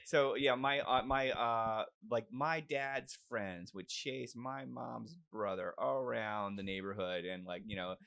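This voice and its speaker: A man's voice: medium pitch, slow, vocal fry, few pauses, fairly bright tone. A middle-aged American man from West Virginia and Maryland chatting casually as a guest, rambling and self-deprecating. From West Virginia and southern Maryland, US. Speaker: interview guest. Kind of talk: casual chat.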